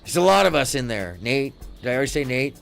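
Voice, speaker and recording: A middle-aged American man hosting a casual live stream, chatting in a halting, rambling way that often circles back. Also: medium pitch, sing-song, creaky, fairly bright tone. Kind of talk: casual chat. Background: faint music.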